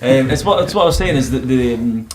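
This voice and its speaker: A man's voice: mid-range voice, animated, quick pace, a little mellow. A man co-hosting a podcast, chatting with enthusiasm. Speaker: podcast co-host. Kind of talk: casual chat. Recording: echoey room with faint noise.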